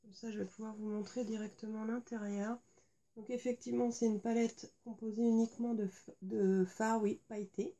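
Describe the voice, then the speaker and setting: A woman's voice: fairly high pitch, flat delivery, normal speed, mellow. A woman chatting casually as she unboxes and shows makeup at home, talking with many hesitations and fillers. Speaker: beauty vlogger. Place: indoors at home.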